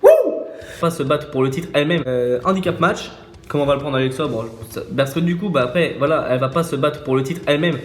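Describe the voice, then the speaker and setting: A man's voice: fairly high pitch, fast. A man casually recapping a wrestling show, hesitant, with many fillers and restarts, recorded on a phone. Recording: echoey room, faint music.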